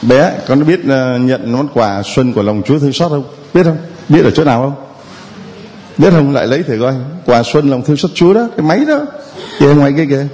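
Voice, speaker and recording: A man's voice: mid-range voice, lively intonation, a little fast, warm tone, a little hiss or hum. A man, a priest giving a sermon to his congregation with rhetorical questions and repetition.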